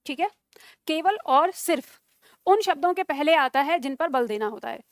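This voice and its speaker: A woman teacher giving a grammar lesson, dictating example sentences slowly word by word and often checking whether her class has understood. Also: high voice, no echo. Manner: slow dictation with repeated words, checking questions.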